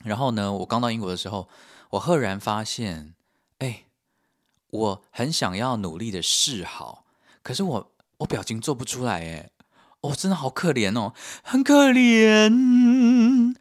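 A man from Taiwan, telling a story in a joking, expressive vlog. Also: lowish voice, dry recording, studio quality. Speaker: vlogger. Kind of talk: casual storytelling.

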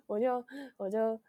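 A woman's voice: sits high, darkish tone, no echo. A young woman with a Taiwanese Mandarin accent, a podcast host, tells a rambling story in a weak voice from illness, full of restarts. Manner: rambling, with many restarts, acting out quotes. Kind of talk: casual chat storytelling.

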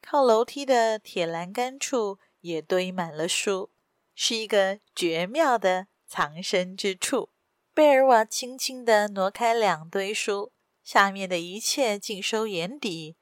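A woman's voice: medium pitch, takes it slowly, no echo, clean studio sound. Woman narrating a story. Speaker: podcast storyteller.

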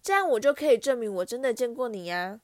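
A woman's voice: fairly high pitch, lively intonation, fairly quick, no room sound, clean studio sound, natural voice. A woman voicing an eager, pleading young schoolboy in a storybook reading, his words tumbling out. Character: eager skinny young boy photographer.

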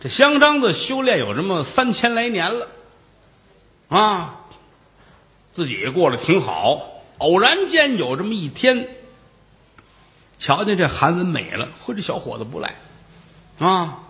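A man telling a traditional story in a comic style, with lively jokey asides to the listeners. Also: on the high side, long reverb tail.

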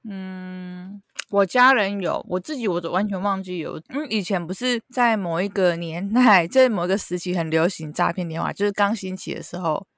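A woman's voice: fairly low pitch, normal speed, fairly bright tone, no echo, clean studio sound. A woman co-hosting a casual chat podcast, teasing her friend and laughing often. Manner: teasing, jokey, frequent laughter. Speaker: podcast co-host.

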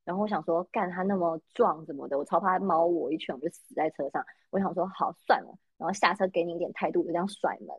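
A woman's voice: lowish voice, fast talker, few pauses, slightly rough, no echo, lo-fi sound. A woman with a Taiwanese Mandarin accent, a podcast co-host chatting casually and telling blunt, swearing stories. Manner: animated storyteller, blunt and swearing. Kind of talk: casual chat.

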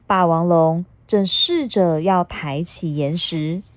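A woman reading a picture book aloud as podcast host, gently asking a child questions along the way. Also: lowish voice, takes it slowly, no room sound.

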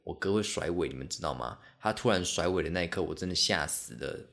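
A man hosting a podcast, telling casual stories in an animated, self-mocking way with many fillers. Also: low voice, fast talker, gravelly. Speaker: podcast host. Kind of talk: casual solo storytelling.

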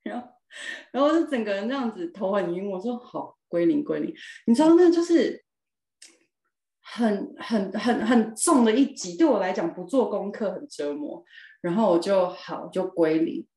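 Expressive woman, roomy sound. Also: medium pitch, normal speed. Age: 40s. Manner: expressive, lively storytelling with laughs and emphatic repeats. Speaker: guest. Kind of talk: personal storytelling in a podcast interview. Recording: roomy echo.

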